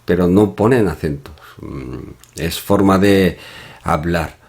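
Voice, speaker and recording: A man teaching a Korean lesson from slides, explaining slowly with pauses and soft hums. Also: low-pitched, gravelly. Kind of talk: slide-based language lesson.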